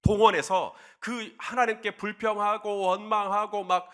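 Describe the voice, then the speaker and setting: A man's voice: high voice, a little fast, bright, forceful tone. A man preaching who voices God as hurt and angry, scolding his people with rhetorical questions. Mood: indignant. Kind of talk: sermon.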